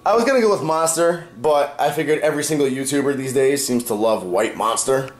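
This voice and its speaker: A young man speaking in a mid-range voice, fairly quickly, chats casually to camera for his fitness vlog and explains things one step at a time. He's clearly fighting a cold, nasal and losing his voice in places.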